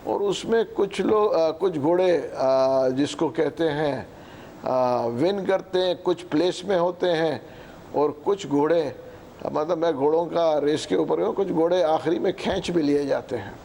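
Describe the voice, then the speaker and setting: A man in his sixties with a Pakistani Urdu accent, answering as a political guest in slow, halting sentences full of fillers, often clearing his throat. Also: on the high side, warm tone. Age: 60s. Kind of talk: hesitant interview answers.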